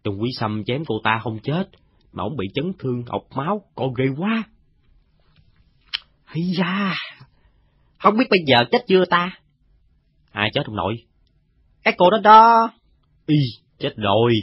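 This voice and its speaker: A man with a Southern Vietnamese accent voicing a coarse, gossiping rank-and-file soldier who talks roughly and swings between loud and soft. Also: fairly high pitch, sing-song, measured pace, pauses often, full character voice. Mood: boastful recounting. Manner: rough, chatty storytelling with swings in loudness. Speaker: voice actor in an audio drama. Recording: dull, dry lo-fi recording.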